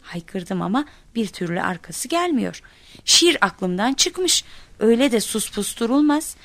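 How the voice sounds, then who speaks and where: Woman narrator, lively storytelling, mid-pitched voice, acts out the shouts, dry booth. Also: dry recording.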